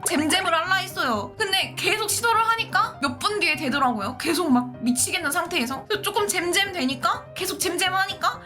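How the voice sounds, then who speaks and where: A young woman with a high, bright voice tells a story with energy, laughing as she goes and mimicking the people in it. Soft background music plays under her voice. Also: brisk, few pauses. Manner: lively, laughing, acts out other people's lines. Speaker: virtual streamer and illustrator. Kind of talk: animated storytelling vlog.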